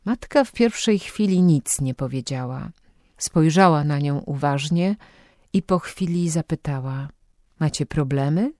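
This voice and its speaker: A woman reading an audiobook in calm, measured scripted narration. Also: low-pitched, no room sound, studio quality.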